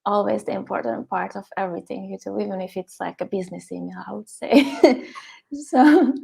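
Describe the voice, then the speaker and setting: A woman's voice: mid-range voice, normal speed, creaky, mellow, breathy edge. A woman from Hungary, a poet and guest, chatting casually in an interview over a video call and laughing often.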